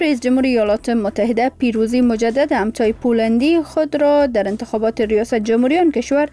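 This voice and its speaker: A woman with an Afghan accent reading radio news headlines in a solemn, formal, measured manner. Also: fairly high pitch, warm tone. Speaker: newsreader. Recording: radio broadcast with music behind. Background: music.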